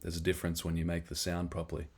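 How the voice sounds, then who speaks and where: Brief: relaxed Aussie podcast host, very deep voice, casual and wry. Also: male voice, rapid-fire, slightly rough. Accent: Australian. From Australia. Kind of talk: casual conversation.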